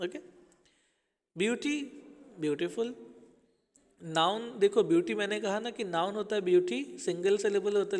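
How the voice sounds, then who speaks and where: High-voiced man teaching English grammar. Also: darkish tone, long reverb tail. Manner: explains patiently, addresses pupils as children. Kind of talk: classroom grammar lesson.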